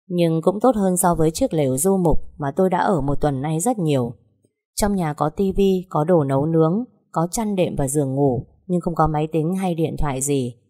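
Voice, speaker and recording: A woman reads a first-person story aloud in a measured, sorrowful tone. Her voice sits on the low side and has a dark, mellow color. The telling is steady and unhurried. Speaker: audiobook narrator.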